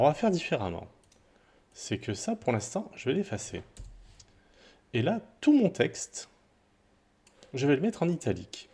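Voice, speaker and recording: A man explaining a coding tutorial in a relaxed, chatty way, with small asides and self-corrections. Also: medium pitch. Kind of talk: screen-recorded coding tutorial.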